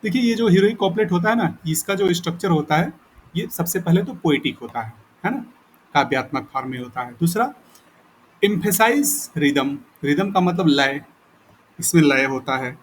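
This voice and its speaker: Man lecturing in a patient, measured way. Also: fairly high pitch, animated, slight background noise. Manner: explains slowly in Hindi, reads English definitions aloud haltingly with pauses. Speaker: teacher. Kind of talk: recorded lecture.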